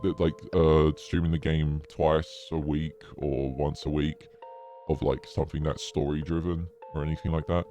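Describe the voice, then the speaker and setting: Possessed-sounding man, extremely deep demonic voice changer. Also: a little mellow. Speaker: streamer. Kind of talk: casual livestream chat.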